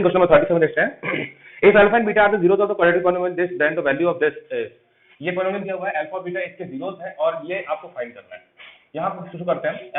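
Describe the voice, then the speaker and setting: A man teaching math step by step for an exam, asking questions aloud and answering them himself. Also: fairly high pitch. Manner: explains quickly, asks and answers his own questions. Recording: echoey room over a phone-like mic.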